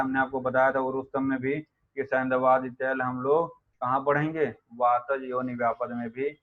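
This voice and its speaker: A man teaching an Ayurveda class, reciting Sanskrit verses and firing quick questions at his students. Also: mid-range voice. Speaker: Ayurveda lecturer. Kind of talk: classroom lecture. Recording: narrow phone-like sound.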